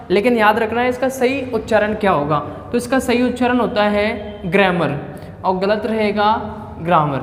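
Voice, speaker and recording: Man teaching in an echoey room. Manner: asks himself questions and answers them with a lowered key word; repetitive, spells words out letter by letter. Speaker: English teacher. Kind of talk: classroom-style grammar lesson. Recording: echoey room with long reverb, faint background noise.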